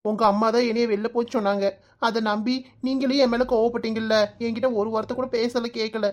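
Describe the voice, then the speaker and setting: A hurt young wife in a cartoon, voiced by a woman, with a Kanyakumari accent. She sounds plaintive and apologetic, her voice a touch high, and she talks quickly. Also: little pitch movement, lo-fi sound, lightly acted. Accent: Kanyakumari Tamil.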